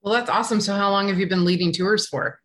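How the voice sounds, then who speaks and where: A woman's voice: medium pitch, steady tone, quick pace, a bit bright. Woman, podcast host, friendly and encouraging interviewer. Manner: encouraging, upbeat. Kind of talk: casual interview questions.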